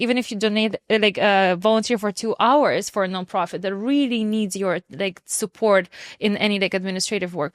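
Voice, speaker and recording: A woman's voice: mid-range voice, no room sound. Chatty woman podcast host, dry sound. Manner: enthusiastic, chatty, heavy use of "like". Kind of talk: podcast interview. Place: podcast recording before a live audience.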